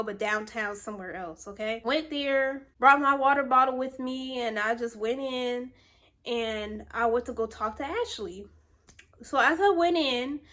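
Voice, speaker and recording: A woman in her twenties from Virginia chats her way through a personal story. Her voice sits a little high, and her telling is loose and rambling, packed with fillers and side comments. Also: pushed and bright. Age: 20s. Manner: rambling and chatty, with many fillers. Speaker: vlogger. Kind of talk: casual storytime.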